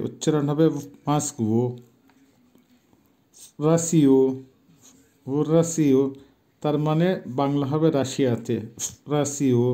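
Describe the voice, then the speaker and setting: A middle-aged man gives a language lesson, speaking patiently and haltingly and slowly repeating words so they can be pronounced. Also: on the high side, mellow. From Bangladesh. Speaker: language teacher.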